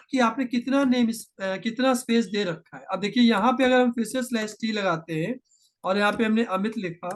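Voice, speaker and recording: A man with a high voice leads a screen-share programming tutorial, explaining patiently step by step and slowing down to dictate code while mixing in terms.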